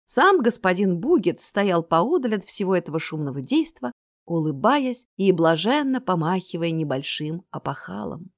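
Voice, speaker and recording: A woman's voice: lowish voice, big pitch swings, normal speed, no echo, studio quality. A woman reading a fantasy novel aloud as the narrator. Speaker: audiobook narrator.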